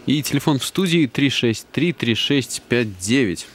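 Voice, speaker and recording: A man's voice: mid-range voice, lively intonation, unhurried, a little hiss or hum. A man co-hosting a live radio music show, introducing things in a casual, conversational way. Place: radio studio.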